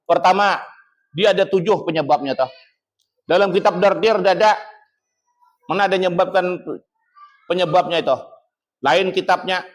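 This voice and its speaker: A man with a Banjar Malay accent giving a humorous sermon at a mosque gathering. His voice sits high, and he tells stories in a lively way, slipping into high, pleading tones to play the people in them. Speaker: preacher. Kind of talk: humorous sermon with acted anecdotes.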